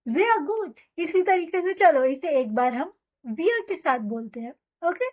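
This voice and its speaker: A woman teaching a German lesson, explaining quickly and then reading example sentences very slowly for learners to repeat. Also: very high-pitched, animated, muffled recording. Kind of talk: spoken language lesson with drills.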